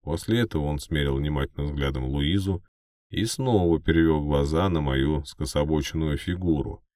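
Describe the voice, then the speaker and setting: Very deep-voiced male audiobook narrator. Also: normal speed, a little mellow, dry recording, clean studio sound. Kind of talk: scripted first-person fiction narration.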